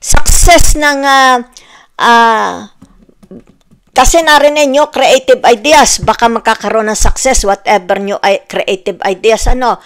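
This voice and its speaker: A woman's voice: fairly high pitch, unhurried. A woman with a Filipino accent giving a casual tarot reading, chatty and full of "di ba?" tags, mixing Tagalog and English. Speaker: tarot reader.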